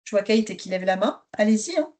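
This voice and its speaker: A woman's voice: mid-range voice, lively intonation, fairly quick, warm tone. A woman leading an interactive online workshop for teachers, encouraging participants to share, speaking over a video call. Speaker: teacher trainer leading a webinar.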